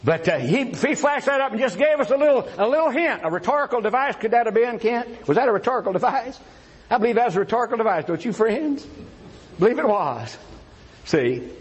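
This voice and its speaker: High-voiced man debating combatively. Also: sing-song, brisk, rough recording. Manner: combative, rhetorical questions, taunting opponent. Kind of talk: formal religious debate speech.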